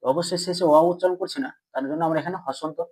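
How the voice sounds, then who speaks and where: A man teaching a grammar lesson to students. He asks them questions and answers them himself, and he stretches out words slowly syllable by syllable. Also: a little high, darkish tone, slightly rough. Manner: drawn-out slow syllable-by-syllable pronunciation.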